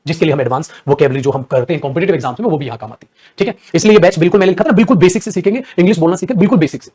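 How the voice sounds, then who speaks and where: A man with an Indian accent teaching spoken English in a lively classroom lecture that switches between Hindi and English and acts out examples. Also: sits high. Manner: animated, acts out examples, addresses students as dear and beta.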